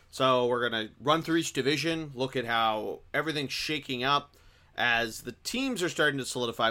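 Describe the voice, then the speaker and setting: A man with a bright, forward voice at a middle pitch hosts a relaxed sports podcast. He runs the rundown with lively energy and keeps tossing questions to his co-hosts. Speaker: podcast co-host leading the segments. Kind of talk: casual sports podcast chat.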